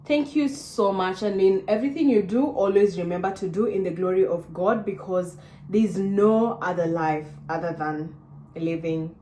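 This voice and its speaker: A young Kenyan-accented woman vlogging straight to her phone in a small room, her voice sitting a little low for a woman. She chats casually with plenty of "like", drifting from soft and wistful to loud and lively. The room is echoey, with a faint hiss underneath. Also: normal speed. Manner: chatty, lots of "like", swings from soft and wistful to loud and animated. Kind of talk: casual chat to camera. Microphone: phone or camera on a stand.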